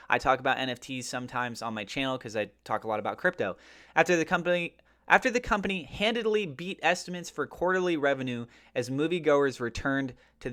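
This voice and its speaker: A finance and crypto host delivers laid-back market talk to viewers, emphatic and informal, full of pointed rhetorical questions. His voice is a little high, fairly bright, clear and resonant.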